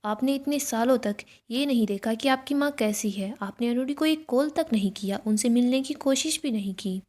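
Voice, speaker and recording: A woman's voice: fairly high pitch, normal speed, darkish tone, natural voice. A woman reading the lines of a young woman who answers back sharply and with resentment, in a spoken recap of a TV serial. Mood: resentful. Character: young woman angrily standing up to a guest.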